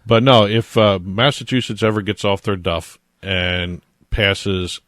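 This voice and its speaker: A man with a New Jersey accent talks casually as a podcast co-host, his voice sitting very low. He explains things at length, full of "uh" and "you know". The sound is dry and close. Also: steady tone, a little slow, fairly bright tone, dry recording. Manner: explains at length, chatty with fillers. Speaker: co-host, trademark attorney.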